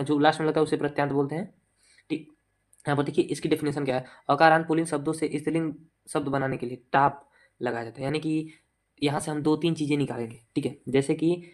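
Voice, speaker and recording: Hindi-speaking male tutor coaxing students. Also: a little high. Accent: Bihari Hindi. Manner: coaxing, repeats "theek hai?" and calls students "babu". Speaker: teacher. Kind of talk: exam-prep lesson.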